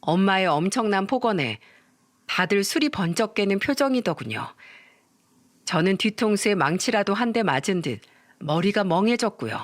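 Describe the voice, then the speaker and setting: A woman narrates a dramatic family story in the first person. She tells it in an expressive, emotive storytelling voice. It is a story read for an online radio channel. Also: medium pitch, moderate pace, no room sound, clean studio sound.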